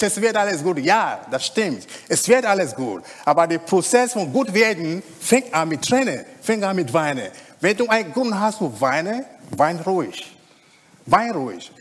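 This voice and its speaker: High, lively preacher in a hall. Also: male voice. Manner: conversational preaching, frequent "ja?" tag questions. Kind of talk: sermon.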